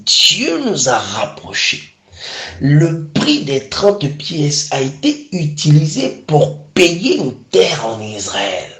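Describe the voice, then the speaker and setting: Slow, lively male preacher in an echoey hall. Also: on the high side. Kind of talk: sermon. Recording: echoey room.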